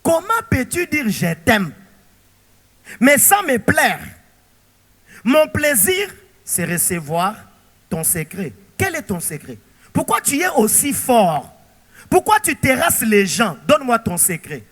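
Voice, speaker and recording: A man's voice: extremely high pitch, huge pitch swings, takes it slowly, long pauses, fairly bright tone, in a large hall, heavily acted. A man voicing a seductive woman who keeps pressing her lover for his secret, asking insistent questions. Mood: coaxing.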